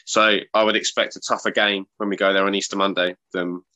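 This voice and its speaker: A man from England talks through his research in casual podcast chat. His voice is on the low side with a bright edge. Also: flat delivery, brisk. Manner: chatty, lays out match research. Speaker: podcast co-host.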